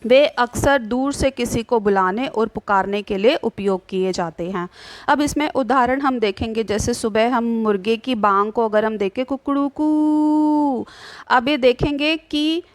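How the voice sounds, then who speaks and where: A woman's voice: on the high side, no echo. A woman teaching a grammar lesson, asking questions and answering them herself, drawing out vowel sounds as she demonstrates them. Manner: draws out vowel sounds slowly when demonstrating.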